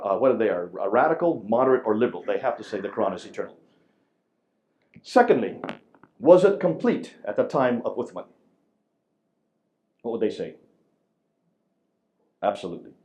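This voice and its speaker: A man in a mid-range voice lectures a church audience emphatically and very loudly, peppering them with rhetorical questions.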